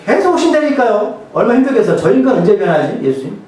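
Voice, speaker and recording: A male pastor preaches in a casual, joking way and keeps putting rhetorical questions to his congregation. His voice is high and very lively. It comes from some distance away and rings through a very echoey church hall. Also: fast talker. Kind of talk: sermon. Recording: very echoey hall, mic far off.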